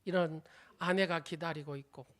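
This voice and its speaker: A woman preacher delivers a sermon in a church, her voice sitting low for a woman. She tells a story and keeps turning to the congregation with questions and little quizzes. Many of her sentences fade out softly, sometimes to a whisper. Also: steady tone, moderate pace. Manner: sentence endings often trail off softly, at times to a whisper. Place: church sanctuary.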